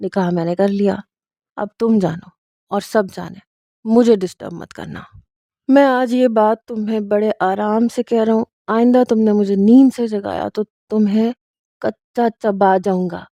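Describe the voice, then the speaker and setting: A woman voicing a grumpy, sleepy young husband in a narrated storybook, gruff and dismissive. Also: medium pitch, fairly even intonation, mellow, dry recording, clean studio sound, lightly acted. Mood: annoyed.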